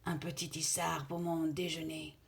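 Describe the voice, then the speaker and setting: A spotted lynx villain from a children's book, greedy and sly, purring low and a little hushed, as a woman puts it on. The voice drops below her own. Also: level tone, moderate pace, creaky, background noise. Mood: menacing. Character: sly hungry lynx, boastful then cowardly.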